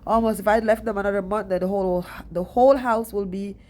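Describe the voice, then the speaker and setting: This DIY gardening vlogger, a young Jamaican woman, talks fast and chattily in a loose, rambling voice-over about her garden. Her mid-range voice has a darkish tone and fairly even intonation, and she sounds stuffy and winded.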